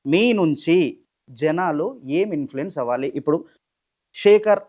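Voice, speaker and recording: A man's voice: on the high side, expressive, a little slow, a little mellow. Mocking male interviewer. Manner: probing, mocking, skeptical questions. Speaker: interview host. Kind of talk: roasting interview.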